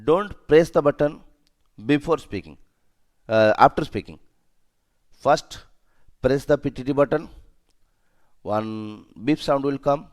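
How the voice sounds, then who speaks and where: This safety and security trainer, a man with an Indian accent, talks slowly at medium pitch and pauses often. He gives his instructional lesson emphatically, restating the main points and asking quick questions to confirm understanding.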